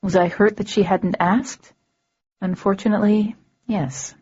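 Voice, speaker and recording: A woman reading a novel aloud in first person, with a dry, wry delivery and a husky voice. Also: mid-range voice, steady tone, measured pace, a little mellow. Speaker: audiobook narrator. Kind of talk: first-person audiobook narration. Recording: dull lo-fi recording.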